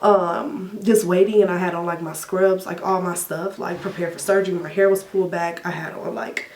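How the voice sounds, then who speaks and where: A young woman vlogger telling a story in a casual question-and-answer chat, animated and laughing often, acting out her own reactions in a higher voice. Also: normal speed, far from the mic, a little hiss or hum. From United States. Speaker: beauty vlogger. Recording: echoey room, a bit off mic.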